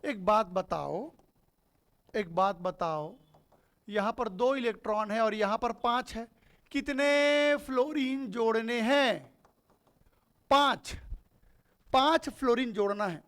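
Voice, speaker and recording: A man's voice: extremely high pitch, a little slow, a bit bright. A man teaching a chemistry class. He asks his students questions and answers them himself, calling them "beta". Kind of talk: classroom lecture.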